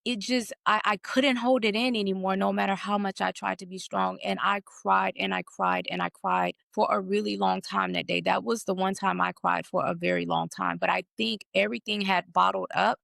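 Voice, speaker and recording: A woman tells her story on a podcast in a steady, reflective way, her voice very gravelly with heavy vocal fry. The recording is dry and close, with no room sound. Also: medium pitch, normal speed, hardly any pauses, dry recording. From United States. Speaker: podcast guest. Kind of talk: emotional personal conversation.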